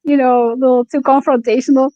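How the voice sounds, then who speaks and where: A native Slovak woman with a Slovak accent touched by Nova Scotian, talking casually and reflectively as an interview guest, often pausing to find her words. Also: sits high, little pitch movement, dark tone, no echo, dull audio. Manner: reflective, halting, searching for words. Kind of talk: casual conversational storytelling.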